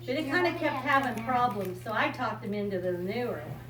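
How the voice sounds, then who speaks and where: An American woman in her 60s or older, with a highish, lively voice and a fairly quick pace, chats with children and reads them a picture book, keeping her explanations simple. She's a storyteller and RV enthusiast on a visit, heard through a distant mic in an echoey room full of loud background noise.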